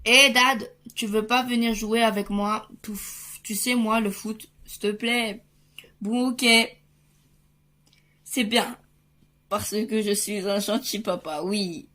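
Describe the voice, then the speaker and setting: A woman reads a comic book aloud, taking her time over each line. She moves between the characters and throws in playful sound effects. Her pitch sits in an ordinary middle range. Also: steady tone, slow pace, bright, forceful tone.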